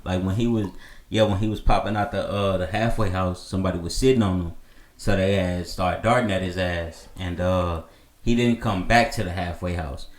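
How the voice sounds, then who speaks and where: A man co-hosting a podcast, telling a story in a relaxed way with lots of fillers. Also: low voice, normal speed, reverberant. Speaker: podcast co-host. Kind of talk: casual chat.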